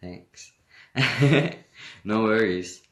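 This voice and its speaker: A young man from Hamburg hosts a livestream, speaking very slowly in a lowish voice with lively intonation and a German accent. He chats casually, reads out viewer comments and laughs a lot.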